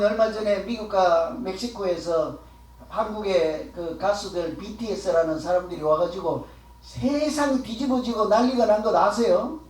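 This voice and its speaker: High-pitched male pastor preaching, chatty, asks the crowd questions, big echoey church, sounds far from the mic. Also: a little mellow. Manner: conversational preaching, asking the congregation questions; acts out the quoted words of others. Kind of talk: sermon. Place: church sanctuary.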